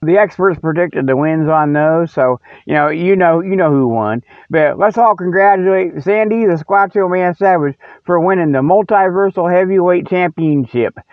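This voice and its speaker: A high-pitched man talks at normal speed with few pauses, rambling casually and folksily through a humorous mock newscast he hosts. His colloquial delivery is full of jokes. The recording is dry and narrow like a phone, with no room sound.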